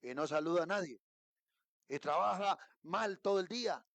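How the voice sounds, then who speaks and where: A middle-aged Colombian man preaching a sermon as pastor, rising to emphatic peaks and dropping to quiet asides. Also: high-pitched, normal speed, no room sound. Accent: Colombian Spanish. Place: church.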